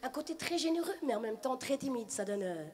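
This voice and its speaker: Woman, stand-up comedian, high voice, lively storytelling. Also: fairly quick, roomy sound.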